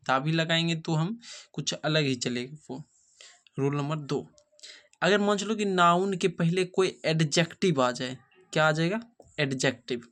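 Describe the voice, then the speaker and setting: A man's voice: fairly high pitch, fairly bright tone. A man teaching an English grammar lesson, asking rhetorical questions and checking whether students follow. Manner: repeats rhetorical questions, checks understanding often.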